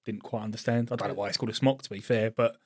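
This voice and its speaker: A man's voice: lowish voice, steady tone, rapid-fire, slightly rough, no room sound, studio quality. A British Army veteran man co-hosting a podcast, telling blunt army stories in casual chat. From Britain. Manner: blunt storytelling army banter. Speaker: podcast co-host.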